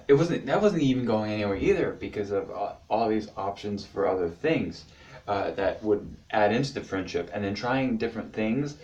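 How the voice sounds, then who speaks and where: Young man, amateur confessional comic, animated pitch, halting delivery, slightly distant camera mic. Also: dull audio. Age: 20s. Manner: halting, many fillers and restarts, sudden whispers. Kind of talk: rambling confessional monologue to camera.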